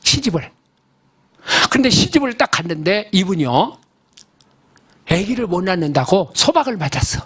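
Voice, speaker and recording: Husky high-voiced older pastor preaching. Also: male voice, very animated, moderate pace, pauses often, a bit bright. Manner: folksy, emphatic, asks the congregation questions. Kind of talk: sermon storytelling. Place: church service.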